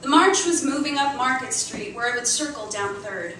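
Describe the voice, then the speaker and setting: At a cafe literary event, a high-voiced woman reads a short story to the crowd at a moderate pace, bringing its chants and dialogue to life expressively. The sound is echoey, with a distant mic and faint background noise.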